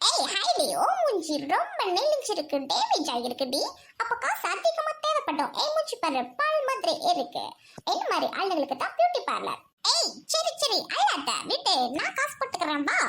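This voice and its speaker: A woman's voice: very high voice, wildly swooping pitch, moderate pace, fairly bright tone. A woman dubbing a kids' cartoon, bossy and teasing in her lines. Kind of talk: cartoon dubbing, many voices. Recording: noisy homemade recording.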